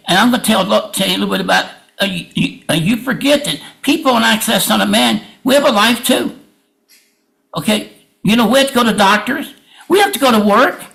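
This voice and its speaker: A man's voice: high voice, creaky, pushed and bright, poor audio. A man making an impassioned public comment at a meeting, plain-spoken and emphatic, often repeating himself.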